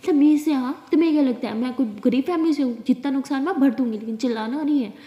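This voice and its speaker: A woman's voice: high-pitched, fast talker, warm tone, close to an everyday voice. A woman voicing a young woman who flips between pleading and hot-tempered, mixing English into her Hindi. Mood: indignant. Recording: echoey room with long reverb.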